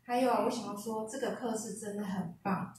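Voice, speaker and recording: A woman tells a personal story in a relaxed, chatty way, often acting out what others said. Her voice sits in a middle range. The sound is caught from a distance in a very reverberant lecture hall, with a faint hiss underneath. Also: medium pitch, a little fast. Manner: retells conversations, switching into quoted dialogue. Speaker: speaker sharing a personal testimony at a seminar. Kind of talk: casual storytelling testimony. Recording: echoey hall picked up from afar, faint hiss.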